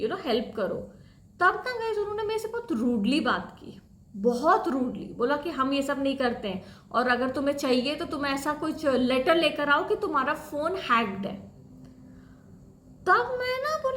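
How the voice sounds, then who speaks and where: A woman's voice: high voice, a bit bright, roomy sound. A woman telling her own story in a casual, emotional vlog, talking to viewers as "guys" and acting out what others said.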